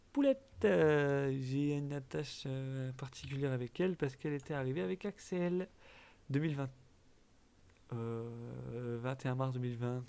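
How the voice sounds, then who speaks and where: A young man chatting casually as a gaming video host, giving blunt quick verdicts with trailing fillers. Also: mid-range voice, creaky, mellow. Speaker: gaming YouTuber. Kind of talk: casual commentary.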